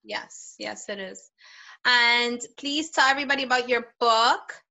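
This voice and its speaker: A woman's voice: fairly high pitch, a little slow, gravelly, bright, forceful tone, rough recording. A woman hosting a podcast, a pediatrician who talks in a casual, effusive way and pours out praise for her guest.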